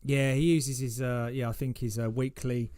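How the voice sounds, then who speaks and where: A man chatting casually on a trading stream, his voice at an ordinary middle pitch. He rambles, restarts sentences and laughs easily. The sound is dry and close. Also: little pitch movement, normal speed, a little mellow, no room sound. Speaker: trading livestream host. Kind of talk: casual chat on a live stream.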